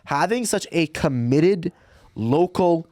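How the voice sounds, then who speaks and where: A man's voice: on the high side, lively intonation, slow, darkish tone, no echo, clean studio sound. A man co-hosting a casual sports podcast, rambling and repeating words as he jumps into the conversation. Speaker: podcast co-host.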